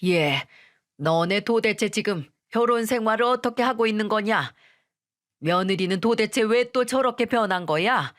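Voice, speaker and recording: A woman's voice: medium pitch, lively intonation, moderate pace, natural voice. Woman doing a stern scolding father-in-law. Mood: lecturing. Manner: gruff, lecturing.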